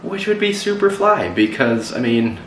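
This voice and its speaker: A man chatting casually at home in a relaxed, hesitant way, with ums and playful slang. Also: medium pitch, normal speed. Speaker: vlogger parent. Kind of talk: casual chat. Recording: roomy and distant from the mic, faint noise.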